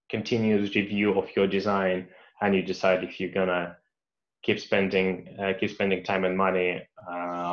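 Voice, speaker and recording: A male mechanical engineer whose first language is Russian answers read-out questions in a career Q&A. His voice is low and flat, and he is hesitant, with many restarts and fillers. The audio is dull and lo-fi.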